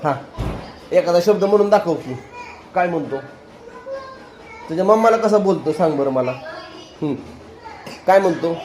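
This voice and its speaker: A woman with a rural Marathi accent speaks in a fairly low voice, playful and coaxing. She questions a small child at home in a casual family vlog, recorded on a phone. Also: lively intonation, normal speed, long pauses, a little mellow. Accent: rural western Maharashtra Marathi. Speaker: family vlogger questioning a toddler.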